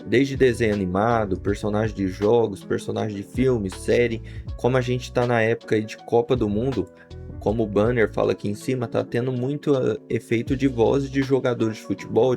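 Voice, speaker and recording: Brazilian male reviewer, creaky mid-pitched voice, casual tutorial delivery, light music bed. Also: fairly even intonation, fairly quick, a little mellow. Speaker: YouTube software reviewer. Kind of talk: casual scripted-sounding product tutorial. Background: faint guitar music.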